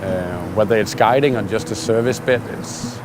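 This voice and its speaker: A man's voice: fairly low pitch, normal speed. Danish-born fishing guide, candid man. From Denmark. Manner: relaxed and candid, with frequent "uh" and restarts. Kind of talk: documentary interview. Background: music.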